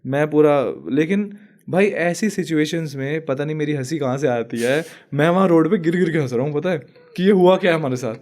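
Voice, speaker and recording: A man's voice: a little high, brisk, darkish tone. A young man, a podcast guest, telling a funny story in casual chat and laughing often.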